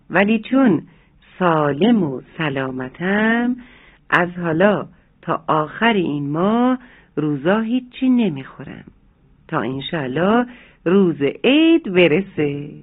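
A narrator voicing a gentle, loving mother in a children's story, explaining calmly and tenderly. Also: mid-range voice. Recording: narrow phone-like sound, faint music.

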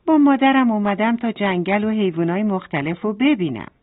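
A woman's voice: medium pitch, lightly acted. A woman voicing a curious, restless young boy turtle in a bedtime story, with a wistful, pleading manner. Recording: tinny phone-like sound.

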